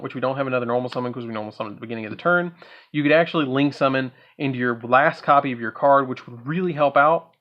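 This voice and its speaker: A man's voice: mid-range voice, highs cut off. A man casually walking viewers through a card game deck, thinking aloud and trailing off with ums. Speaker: card game content creator. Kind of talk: casual gameplay walkthrough.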